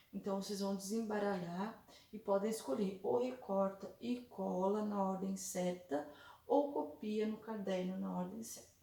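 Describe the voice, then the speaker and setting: A Brazilian woman teacher explaining a workbook to young children, patiently repeating and slowly spelling out examples. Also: medium pitch, vocal fry, dark tone, far from the mic. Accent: Brazilian Portuguese. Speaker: primary school teacher. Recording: echoey room, voice set back from mic.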